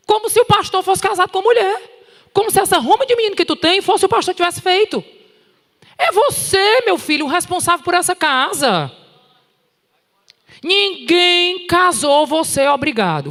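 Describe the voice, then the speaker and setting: A woman with a Brazilian Portuguese accent preaching at a conference in an animated, direct, scolding way, with touches of humor. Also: sits high. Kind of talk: sermon. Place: large church hall. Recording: long hall reverb.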